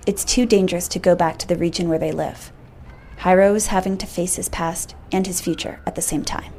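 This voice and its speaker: Female radio reporter, steady scripted narration, mellow tone. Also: on the low side, slight background noise.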